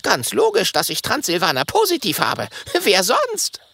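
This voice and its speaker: A man's voice: sits high, huge pitch swings, moderate pace, creaky, bright, forceful tone, dry recording, voice pushed up, heavily acted. A man voicing a tiny, boastful and jittery male burrowing dragon in a children's audiobook, stammering and self-important. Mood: proud.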